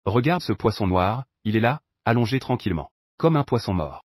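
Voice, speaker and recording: A man's voice: fairly low pitch, lively intonation, a little mellow, no echo, studio quality. A man doing a nervous old fisherman. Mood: fearful. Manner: trembling, pleading, slow. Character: anxious superstitious old male fisherman.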